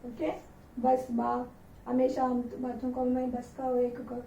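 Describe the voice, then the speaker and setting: A woman's voice: high-pitched, completely flat delivery, slow pace, creaky, mellow, highs cut off, a little hiss or hum. Patient woman teacher, distant roomy sound. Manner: patient, repeats each letter with example words. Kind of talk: dictation-style Hindi alphabet lesson.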